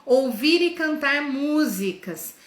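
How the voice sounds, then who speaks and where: A woman teaching other teachers. She talks in a didactic way, checks in with "né?" and "tá?" throughout, and sounds out letters and syllables slowly in her demonstrations. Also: high voice, animated, echoey room. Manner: didactic, with frequent "né?" and "tá?" check-ins. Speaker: educator. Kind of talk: lesson for teachers.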